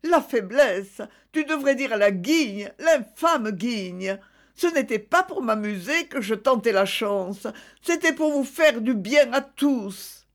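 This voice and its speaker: A theatrical, coaxing wife from an old French novel, voiced by a woman reader. She argues her case in lively swoops of pitch at an unhurried pace. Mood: justifying. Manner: theatrical, pleading then commanding. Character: extravagant wife, self-justifying and coaxing.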